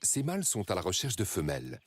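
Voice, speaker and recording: A man reading scripted nature documentary narration in a measured, dramatic storytelling way. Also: sits low, wildly swooping pitch, breathy edge.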